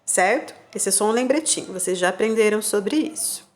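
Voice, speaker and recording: A woman teacher, giving patient, slow remote-class instructions to young children and spelling out syllables. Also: medium pitch, expressive. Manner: checks in with "tá bom?" and "combinado?". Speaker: primary school teacher.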